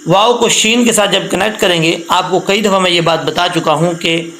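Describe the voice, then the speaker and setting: A high-pitched man gives a step-by-step Quran recitation lesson. He explains patiently, checks in often, and draws the recited words out slowly. He sounds like he is in an echoey room with a faint hiss behind him. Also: vocal fry, pushed and bright. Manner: drawn-out, slow chanted recitation of words.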